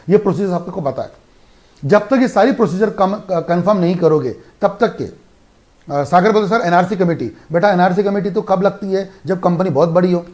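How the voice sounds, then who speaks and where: Indian male law tutor, high voice, emphatic revision lecture, quick rhetorical questions. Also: darkish tone. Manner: emphatic, asks and answers his own questions. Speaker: law teacher.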